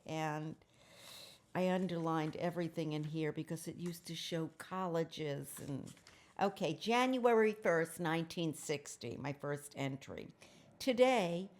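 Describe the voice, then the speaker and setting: A woman in her seventies who hosts an advice show chats casually while reading her diary aloud, rambling candidly and tossing in self-mocking asides. Her voice is low and somewhat dark.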